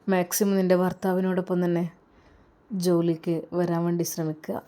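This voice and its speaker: A woman's voice: on the low side, level tone, normal speed, natural voice. A woman voicing a caring young man who earnestly warns and comforts a friend, with a Malappuram Malayalam accent. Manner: earnest, protective advice, with soft endearments.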